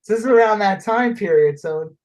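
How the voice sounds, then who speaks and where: Animated laughing male podcast host. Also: sits high, fairly quick. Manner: animated storyteller, swears, laughs often. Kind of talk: casual chat.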